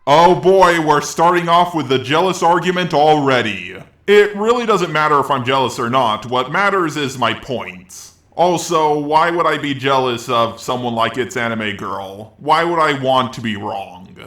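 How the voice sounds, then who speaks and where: A man's voice: medium pitch, expressive, measured pace, few pauses, fairly bright tone, roomy sound. A man doing a reaction commentary, answering critics with sarcastic, argumentative retorts. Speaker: commentary YouTuber.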